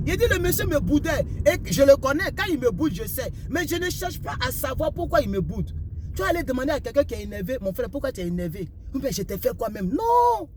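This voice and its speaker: A young man from Ivory Coast with an Ivorian French accent, giving repetitive, preachy life advice in a casual talk while driving his car. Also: extremely high pitch. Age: young adult. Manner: repetitive, preachy, asks "vous comprenez un peu?". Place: inside a car on the road. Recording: faint road and car noise.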